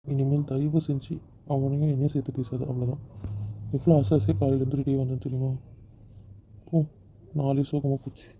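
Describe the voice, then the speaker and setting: A man voicing the husband in an amateur romantic audio drama, often pleading softly. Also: mid-range voice, little pitch movement, brisk, pauses often, a little hiss or hum. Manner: pleading, soft-spoken apologies. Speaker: audio drama narrator and lead voice. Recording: tinny phone-like audio.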